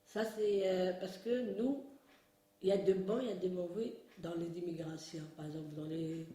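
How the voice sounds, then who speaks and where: A middle-aged woman from Algeria speaks bluntly, repeating words for emphasis. Her voice is mellow and dark, and the room rings with heavy echo. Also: lowish voice, fairly even intonation, moderate pace. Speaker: interviewee, immigrant mother. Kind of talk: frank opinion in interview. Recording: very echoey room.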